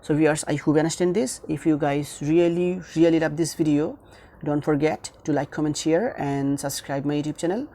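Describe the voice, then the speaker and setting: Mellow-voiced teacher man. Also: on the high side, little pitch movement. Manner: repeats each rule slowly, mixing Bengali and English. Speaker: English grammar teacher. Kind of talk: YouTube grammar lesson.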